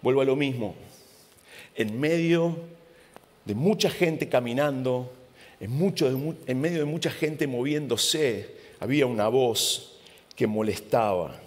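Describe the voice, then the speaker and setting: Preacher, long hall echo. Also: male voice, medium pitch, unhurried. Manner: dramatic, repetitive retelling with vivid sound words. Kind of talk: storytelling sermon.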